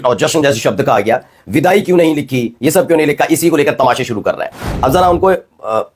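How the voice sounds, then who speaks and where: A man hosting a political news commentary, talking fast and rhetorically straight to his viewers. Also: mid-range voice, expressive, slight background noise.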